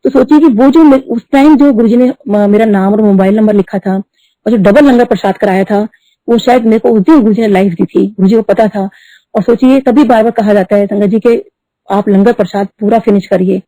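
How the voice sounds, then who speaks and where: A middle-aged woman telling a devotional story at a satsang, talking fast and mixing in English words. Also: medium pitch, mellow, no echo. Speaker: devotee sharing testimony. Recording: dull lo-fi dry recording.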